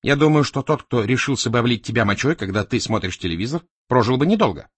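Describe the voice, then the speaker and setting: A man reading an audiobook, voicing a scheming middle-aged tycoon in a raised, excitable voice with a husky edge. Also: mid-range voice, quick pace, no echo. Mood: persuasive.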